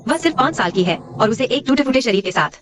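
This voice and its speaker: A woman's voice: a little high, animated, quick pace, a crowd in the background, natural voice. A woman voicing a bitter betrayed mother who answers her husband coldly in a dubbed drama. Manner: cold, cutting. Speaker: dubbed actress. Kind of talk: Hindi drama dubbing.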